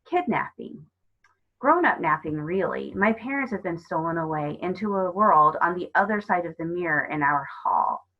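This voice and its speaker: A woman's voice: fairly low pitch, expressive, moderate pace. A woman doing an earnest, stubborn young girl. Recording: dull lo-fi recording.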